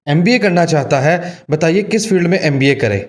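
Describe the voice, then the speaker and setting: A man with a Pakistani Urdu accent, co-hosting a talk show and briskly reading out listener messages. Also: fairly high pitch, lively intonation. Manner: brisk, reads questions aloud, short interjections. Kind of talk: casual talk-show chat.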